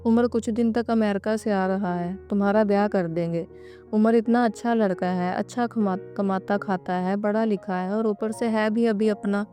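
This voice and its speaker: A woman's voice: mid-range voice, steady tone, mellow, soft background music, close to an everyday voice. A woman voicing a stern middle-aged mother who lays down a firm decision.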